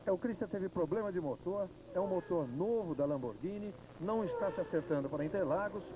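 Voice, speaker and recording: A high-pitched Brazilian man gives live motorsport analysis. He explains things methodically, point by point. Loud engine noise runs through the old television broadcast. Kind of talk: live technical racing analysis. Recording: very noisy 1990s TV broadcast.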